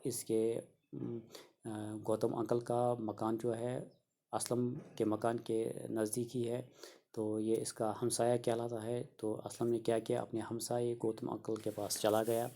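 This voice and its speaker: Gravelly flat-voiced teacher explaining slowly. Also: male voice, medium pitch. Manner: repetitive, restates each sentence simply for children. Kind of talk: explaining a school reader lesson.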